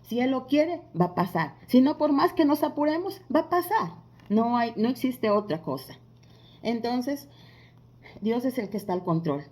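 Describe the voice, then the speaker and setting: A woman's voice: fairly high pitch, animated, a little mellow. Chatty woman teaching the Bible. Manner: conversational, rhetorical questions to listeners; frequent filler pauses. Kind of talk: devotional Bible lesson.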